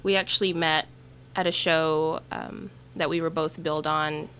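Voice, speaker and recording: Lady musician on a radio show, lowish voice, lots of ums, easy chatty way. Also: flat delivery, normal speed, a bit bright, slight background noise. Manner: chatty, laughs often, many fillers. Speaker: guest musician. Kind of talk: casual interview chat. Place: radio studio.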